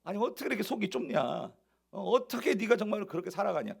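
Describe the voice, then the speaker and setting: A man's voice: sits high, expressive, vocal fry, breathy edge, voice pushed up, heavily acted. A man doing an indignant scolding king. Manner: indignant rapid-fire rebukes. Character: ancient male king scolding angrily.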